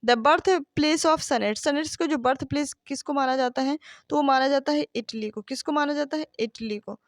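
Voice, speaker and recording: Woman tutor doing exam prep, high voice, dry close recording, keeps asking then answering, calls everyone friends. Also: normal speed, dry recording. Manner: asks rhetorical questions and answers them herself; addresses listeners as friends. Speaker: English literature teacher. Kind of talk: exam-prep lesson, reading questions then explaining.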